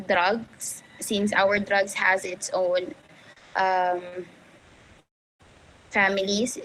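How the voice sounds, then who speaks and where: A woman with a Cebuano Filipino accent giving a classroom lecture, explaining in a halting way with many fillers. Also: mid-range voice, a bit bright, slight background noise, rough recording.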